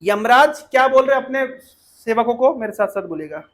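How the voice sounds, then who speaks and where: A man giving a devotional talk who explains scripture, asks the audience questions, chants slowly and reads translations. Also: very high voice, expressive. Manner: explanatory, asks the audience questions and leads call-and-response recitation. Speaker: preacher.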